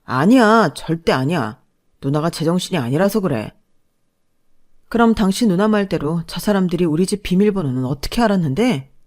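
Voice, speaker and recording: A woman voicing a cowardly young husband who pleads in a flustered, lowered voice. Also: animated, normal speed, a little mellow, natural voice. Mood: pleading.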